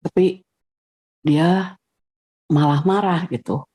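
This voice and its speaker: A woman's voice: lowish voice, fairly even intonation, slow, warm tone, husky. A woman calling in over a video call, hesitantly recounting a personal story before asking a question.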